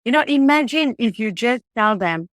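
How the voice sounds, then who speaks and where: During a conversational interview, a childcare center director from Malaysia, a native Tamil speaker, talks at a moderate pace in a fairly high voice. Earnest and animated, she frequently restarts her thoughts, and the recording is close-miked and dry with no echo.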